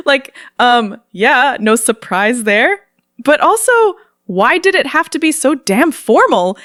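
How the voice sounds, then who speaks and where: A woman's voice: high-pitched, expressive, slow, fairly bright tone, dry recording, clean studio sound. A young woman telling a story to her viewers in a chatty, dramatic vlog style, laughing often and using casual slang. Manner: slangy, addresses viewers directly. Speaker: storytime narrator.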